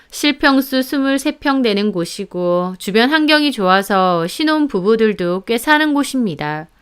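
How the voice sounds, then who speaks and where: A woman narrating a scripted first-person story in a steady, indignant storytelling manner. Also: on the high side, clean tone.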